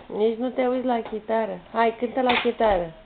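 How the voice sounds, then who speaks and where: A woman's voice: on the high side, music in the background. A young woman at home filming her toddler, coaxing her with playful, repetitive baby talk. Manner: coaxing, repetitive prompts to a small child. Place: home, in a room with a bed. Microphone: camera's built-in mic. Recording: tinny lo-fi home camera audio with faint noise.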